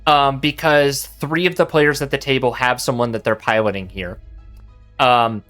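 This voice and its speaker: A man running a tabletop game as game master, talking casually and haltingly as he thinks aloud. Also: medium pitch, fairly even intonation, a bit bright. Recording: faint music behind.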